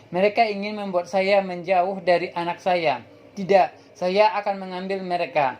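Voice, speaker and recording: Lady reading out a drama recap, steady plain delivery, soft music underneath. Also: mid-range voice. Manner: plain steady reading, occasional stumbles on words. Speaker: channel host summarizing a TV serial. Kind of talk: read-aloud episode synopsis.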